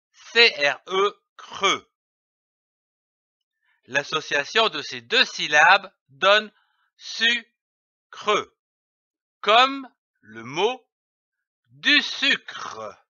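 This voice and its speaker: A man teaches children to read, spelling every syllable out letter by letter and then saying it whole. His voice sits high and bright, and it moves up and down a lot. The recording is dry and a little dull. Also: no echo. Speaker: reading teacher. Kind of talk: slow, spelled-out reading lesson for young children.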